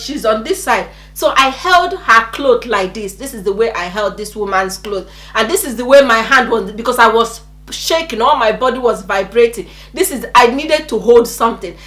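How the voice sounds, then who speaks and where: A woman's voice: a little high, fairly bright tone. A woman vlogger animatedly retelling a personal story, acting out quotes and repeating herself for emphasis. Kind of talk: storytime vlog, casual retelling.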